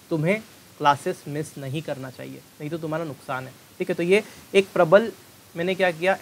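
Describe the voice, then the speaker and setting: A man teaching English grammar in an exam-prep video lesson, explaining in Hindi and reading English example sentences slowly and with emphasis. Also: fairly high pitch, low-quality recording. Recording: faint hiss.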